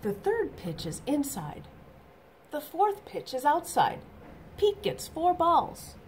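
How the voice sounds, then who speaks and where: A middle-aged woman reads a children's picture book in a fairly high voice, very animated yet unhurried and deliberate, stressing exclamations for young listeners. She's in a small indoor office or classroom with faint room noise.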